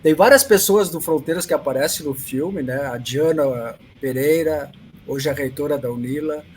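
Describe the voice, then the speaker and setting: Brazilian man hosting, slightly high voice. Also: moderate pace. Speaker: interview host. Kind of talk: casual interview talk. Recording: faint background noise.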